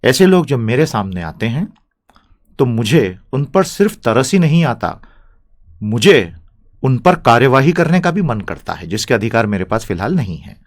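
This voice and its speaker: A man teaching an English lesson, drilling vocabulary slowly and adding emphatic, scolding asides. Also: mid-range voice, sing-song. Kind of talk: spoken language lesson.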